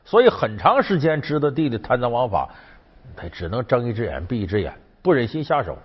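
A man tells an old legend in a casual, chatty way, his voice swinging up and down as he acts out the characters. His tone is a little husky. The sound is dull and lo-fi, with a long reverb trailing behind. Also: medium pitch, a little fast. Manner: chatty, lively, acts out quoted lines. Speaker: storyteller. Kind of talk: casual folk-tale storytelling.

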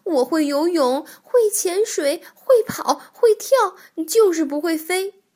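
A woman voicing an excitable young male frog in a children's storybook, shrill and gushing. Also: measured pace. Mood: excited. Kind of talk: storybook reading.

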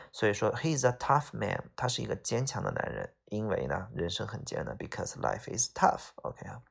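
Gravelly, husky male vocabulary teacher. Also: medium pitch. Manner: casual explanations with everyday examples, frequent tag "OK啊". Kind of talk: explaining word by word to students.

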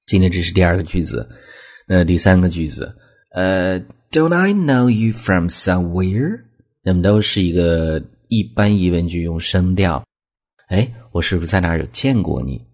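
A man teaching English phrases in a lesson, explaining step by step and slowing down to model each phrase. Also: low voice, a little mellow, husky.

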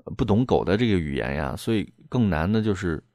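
A man's voice: deep voice, very animated, brisk, darkish tone, no echo, studio quality. A man casually retelling a ghost-hunter story, wandering through fillers and restarts. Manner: meandering, full of fillers and restarts.

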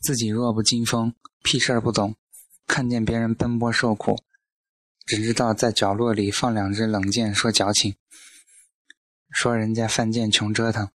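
A man voicing a fierce, sharp-tongued elderly mother who scolds and lectures bluntly in a storybook reading, with a lowish, dry voice. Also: little pitch movement, moderate pace, dry recording, lightly acted. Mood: lecturing.

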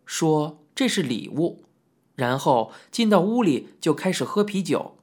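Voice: mid-range voice, a little mellow. An audiobook narrator telling a first-person memoir in a reminiscing storytelling manner, with occasional asides to the listener.

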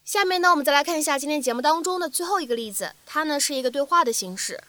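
Bright-voiced woman teaching English pronunciation. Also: sits high, lively intonation, no room sound. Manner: slow, careful pronunciation drills. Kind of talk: spoken English lesson.

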